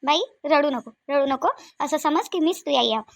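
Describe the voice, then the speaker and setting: A woman's voice: sits high, moderate pace, gravelly, no echo. A woman voicing a kind, talkative older village woman with a Varhadi Marathi accent, coaxing and repeating herself in a cartoon. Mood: comforting. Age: middle-aged. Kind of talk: cartoon voice acting.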